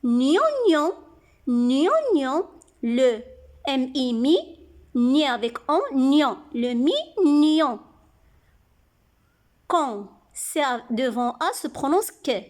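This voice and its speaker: A woman teaching young children to read, sounding out syllables slowly and clearly. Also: high-pitched, a little mellow. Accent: French-speaking North African. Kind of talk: slow, deliberate reading lesson for children.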